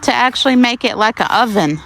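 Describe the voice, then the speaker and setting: Woman, middle-aged, Arkansas Southern accent, higher pitch, casual folksy cooking demo, outdoor background noise. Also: animated, a little fast, fairly bright tone. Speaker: outdoor cooking vlog host. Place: outdoors in snowy cold. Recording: noisy outdoor camera audio.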